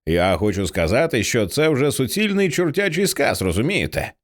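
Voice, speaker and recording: A man's voice: medium pitch, big pitch swings, moderate pace, close to an everyday voice. A man voicing an edgy teenage girl in an audiobook reading, blunt and sarcastic, swearing casually. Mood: wry, anxious.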